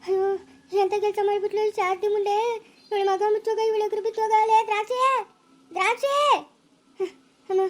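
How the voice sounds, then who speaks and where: An older village woman with a Chikkaballapur Kannada accent scolds and curses in a rustic family skit. Her voice sits very high, and she talks loud and abusive. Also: little pitch movement, fast talker. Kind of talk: rustic comedy skit acting.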